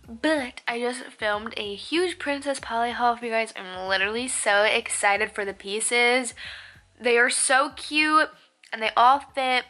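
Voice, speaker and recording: A woman's voice: on the high side, a little slow, sharp tone. A young woman in her twenties, chatting casually to camera in a lifestyle vlog, bubbly and full of "like" fillers. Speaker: beauty and lifestyle vlogger.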